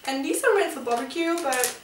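A woman's voice: high voice, expressive, fairly quick. A woman in her twenties chatting casually to camera as a vlog host. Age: 20s. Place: small bedroom, indoors. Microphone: camera a couple of metres away. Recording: roomy, distant camera mic, faint noise.

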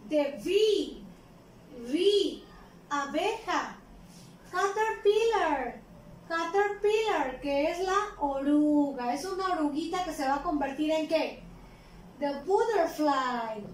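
A woman with a Mexican accent teaching small children English words, repeating each one slowly and translating it into Spanish. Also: high-pitched, lively intonation. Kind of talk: bilingual vocabulary lesson for small children. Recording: echoey room from far off, faint noise.

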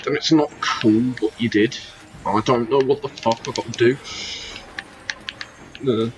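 A man's voice: medium pitch, fairly even intonation, a little slow, background noise. A man giving profane commentary while playing a horror game, laughing often and talking back to the game. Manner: swears a lot, laughs often, talks to the game. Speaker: let's play gamer.

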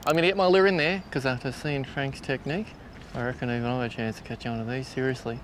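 A man with an Australian accent hosting a fishing show from a boat outdoors, excitable and chatty, laughing often. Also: medium pitch, fast, slight background noise. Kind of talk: casual outdoor fishing commentary.

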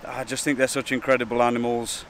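A man, talking casually and a little hesitantly to camera as a wildlife vlogger, outdoors beside rushing water. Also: medium pitch, little pitch movement, a bit bright. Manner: informal, hesitant and chatty. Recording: outdoor wind, rushing water and traffic noise.

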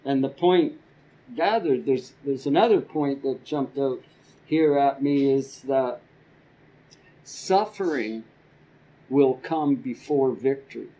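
An older man teaching a church Bible class from a podium, slow and halting with frequent ums and repeated words. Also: mid-range voice, warm tone, rough recording. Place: church classroom with a projector screen. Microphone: podium microphone.

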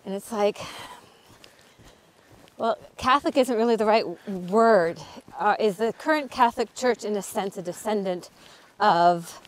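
A middle-aged woman, both author and channel host, speaks in a mid-range voice at a measured pace. She's outdoors on a cold hillside giving an informal walking talk on history, peppered with ums.

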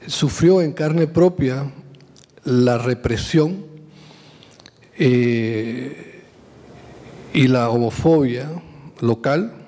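A man in his fifties lectures to a small audience, earnest and halting, often repeating words as he searches. His voice is mellow and warm, carried by a handheld mic into a reverberant room. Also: a little high. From Honduras. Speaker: lecturer, historian. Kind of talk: public lecture.

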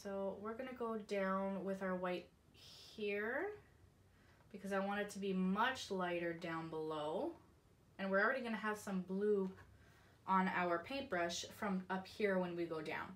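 A woman's voice: mid-range voice, unhurried. A woman in her thirties from Canada, a painting instructor who walks through each step of a tutorial in a friendly, instructive way. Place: indoor craft studio with paint shelves.

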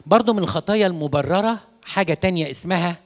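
A man with an Egyptian Arabic accent preaches at a quick clip, telling stories and switching into short acted dialogues. He mixes English phrases into his sermon. His voice carries the long reverb of a church hall. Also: high voice. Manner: animated storytelling, acts out dialogues, mixes in English. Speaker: priest.

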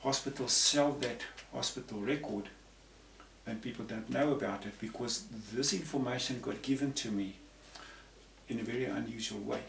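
A gravelly, mid-range male voice at a moderate pace belongs to a Zambian man in his sixties, a panel guest who explains things in a rambling, conversational manner and often repeats words. He sits in a room with a patterned tapestry backdrop, and the recording sounds roomy and distant with a faint hiss.

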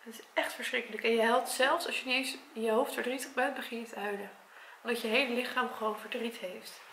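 Tearful, gravelly Dutch woman vlogging. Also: fairly high pitch, steady tone, fast, sharp tone, reverberant, a little hiss or hum. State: tearful, congested from crying. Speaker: vlogger and primary school teacher. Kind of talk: personal vlog talk to camera. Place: at her parents' home, indoors. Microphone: camera mic.

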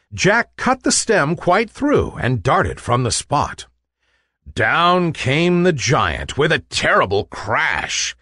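Slow, lively storybook narrator, a man. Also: medium pitch, slightly rough, no room sound, clean studio sound.

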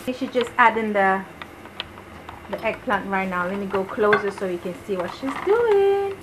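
Chatty and enthusiastic, a young vlog host walks through each step of a home recipe, talking casually to camera in her small kitchen. She has an expressive mid-range voice at a normal speed. Her camera mic captures clear kitchen sounds and the ambience of cooking.

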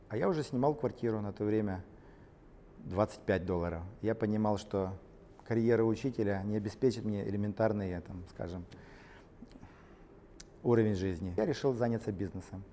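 A middle-aged man, a company co-founder, telling his story in an interview, lively and gesturing as he walks through large factory halls. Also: fairly low pitch, big-room sound, a little hiss or hum. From Ukraine. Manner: animated, gesturing while walking and talking. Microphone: camera-mounted shotgun mic.

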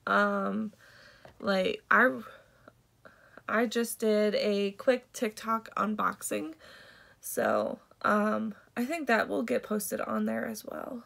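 A woman's voice: medium pitch, lively intonation, slow, creaky, fairly bright tone. A young woman with a congested voice, chatting casually through a makeup vlog with lots of ums and likes. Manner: rambling, many ums and likes. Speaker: beauty vlogger and product seller.

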